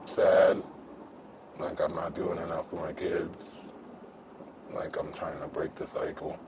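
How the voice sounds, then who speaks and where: A man in his thirties, an anonymous interviewee whose voice is altered and pitched down to disguise him, speaking candidly and haltingly with fillers and restarts. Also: level tone, noisy background. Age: 30s.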